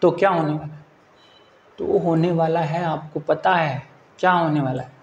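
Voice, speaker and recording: A man teaching English grammar for exams, explaining in Hindi and reading English sentences slowly, often checking that listeners follow. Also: a little high, creaky, reverberant, muffled recording. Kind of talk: exam-prep grammar lesson.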